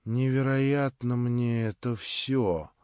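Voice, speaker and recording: A man doing a shrill, scornful madwoman. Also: very animated, measured pace, fairly bright tone, no echo, lo-fi sound, full character voice. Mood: mocking. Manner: shrill, scornful, laughing outbursts. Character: mad lame woman, mocking and shrieking.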